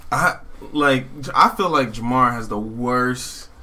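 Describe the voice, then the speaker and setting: A man with a bright, forceful voice at an ordinary pitch, co-hosting a casual podcast. He gives his opinions readily and trips over his words. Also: slow. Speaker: podcast co-host. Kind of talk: casual chat.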